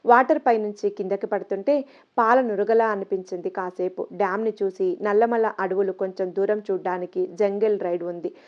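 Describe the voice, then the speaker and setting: Woman, storyteller, first-person narration, soft steady reading, mid pitch, lo-fi sound. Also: a little fast. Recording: slightly dull lo-fi audio.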